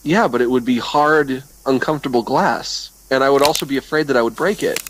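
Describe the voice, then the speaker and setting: A man's voice: mid-range voice, brisk, slight background noise. A man co-hosting an improvised comedy podcast, asking skeptical questions and laughing often as he plays along.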